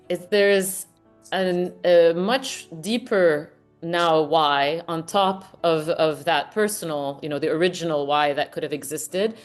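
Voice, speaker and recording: A woman in her forties from Lebanon, raised partly in the US, speaking earnestly as an interview guest, often restarting her phrases. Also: lowish voice. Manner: earnest, reflective, with frequent restarts. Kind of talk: casual interview chat.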